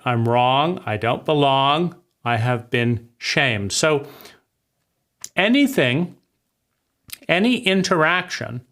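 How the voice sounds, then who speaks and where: A man giving a reflective talk on psychology, often asking "right?" and acting out quoted voices with sudden rises in pitch. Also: a bit bright. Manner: acts out quoted voices with big pitch jumps; repeats words and says "right?" often. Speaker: speaker on psychology.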